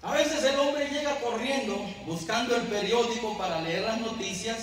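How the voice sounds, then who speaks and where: High-voiced male preacher in an echoing hall. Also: normal speed, a bit bright. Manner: storytelling, asking the congregation questions. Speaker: Bible teacher. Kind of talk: sermon. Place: church hall. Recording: echoey church hall, mic at a distance.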